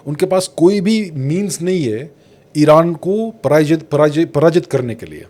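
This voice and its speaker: Indian man, podcast guest analyst, mellow and warm, measured delivery, Hindi-English mix. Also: a little high, expressive. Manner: measured, mixes Hindi with English phrases, restarts words. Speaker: guest geopolitics commentator.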